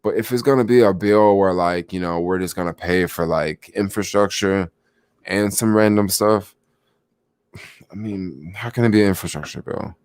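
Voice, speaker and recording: A man's voice: low voice, moderate pace, a little mellow, smooth, no room sound, clean studio sound. A young man chatting casually about stocks on a livestream, rambling with lots of fillers and answering viewers, sounding sleepy. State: sleepy, yawning. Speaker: stock vlogger.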